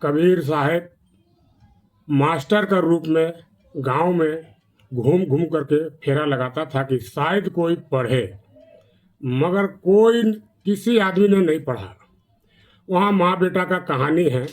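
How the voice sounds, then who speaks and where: A male storyteller, telling a village folk tale in a plain, earnest way. His voice sits slightly high for a man. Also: slow pace, long pauses.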